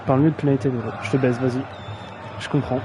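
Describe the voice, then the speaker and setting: A young man with a medium-pitched, level voice talks fast while casually commentating a video game match on a live stream, slangy and self-mocking and often tripping over player names. Background noise is audible.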